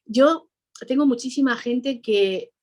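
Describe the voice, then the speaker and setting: A woman's voice: fairly high pitch, slow pace, darkish tone. A woman, a cheerful interview guest who laughs often while recounting a personal story in conversation.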